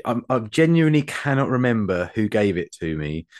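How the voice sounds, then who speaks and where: Deep-voiced British man rambling along. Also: big pitch swings, moderate pace, darkish tone, dry recording, clean studio sound. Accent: British English. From England. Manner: rambling and self-deprecating, with repeated restarts. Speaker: podcast co-host. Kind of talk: casual chat.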